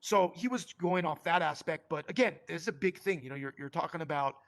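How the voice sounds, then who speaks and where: A man with a fairly high, gravelly voice speaks as a guest in an interview. He tells stories casually and animatedly, with plenty of fillers. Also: a little fast. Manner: animated, acts out quoted voices, lots of fillers. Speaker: company co-founder and CEO, interview guest.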